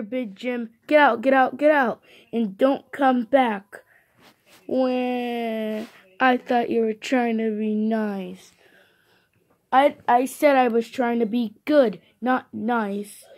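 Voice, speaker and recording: A woman reading as Petey, a halting grumpy cartoon cat. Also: on the high side, steady tone, a little mellow. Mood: angry. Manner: halting, slow, stumbling over words. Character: grumpy male cartoon cat trying to be good.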